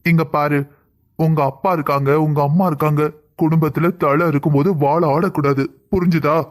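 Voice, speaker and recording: Brief: man as a curt, lecturing husband, slightly high voice, cartoon. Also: steady tone, normal speed, natural voice. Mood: impatient. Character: married man, impatient and stern. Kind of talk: cartoon voice acting.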